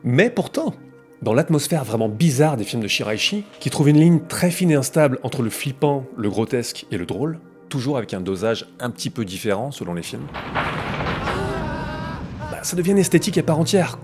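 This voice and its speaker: A man's voice: mid-range voice, big pitch swings, fairly quick, darkish tone, soft background music. A man hosting a video essay, narrating in a wry, conversational way with playful emphasis.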